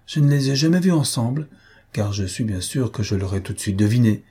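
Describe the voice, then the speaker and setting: A man voicing a chatty, self-important older woman who gossips and exclaims excitedly in a storybook reading. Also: mid-range voice, brisk, slightly rough. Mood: gossipy.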